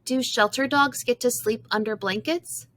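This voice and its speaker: A woman reads a storybook in the voice of an eager, curious young girl, asking earnest, hopeful questions. Her pitch is fairly high and raised above her own voice, though still close to everyday speech, with a fairly bright tone and normal speed.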